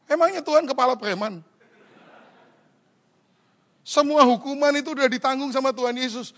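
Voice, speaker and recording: A man's voice: very high-pitched, a bit bright. A male pastor preaching a sermon in a joking, teasing way, full of rhetorical questions and English phrases mixed into his talk. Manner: mixes English phrases into Indonesian speech.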